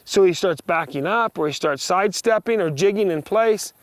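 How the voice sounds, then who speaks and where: A riding instructor with a fairly high, expressive voice barks brisk commands to a student, then explains things in plain, practical terms. The sound is dry and close, with no echo or room ring.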